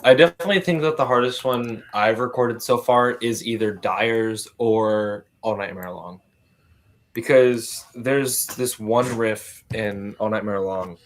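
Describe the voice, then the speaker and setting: A man with a low voice chats in a relaxed way about recording guitar parts. His video call audio crackles and clicks, as if through a loose cable. A faint hiss sits under his voice. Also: measured pace. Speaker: band guitarist. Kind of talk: casual chat.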